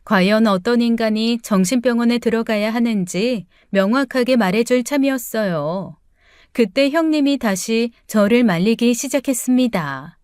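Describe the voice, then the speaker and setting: A woman narrates a first-person audiobook story with dramatic delivery. Her voice is somewhat high, and the sound is dry and close. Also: darkish tone, clear, resonant tone, dry recording.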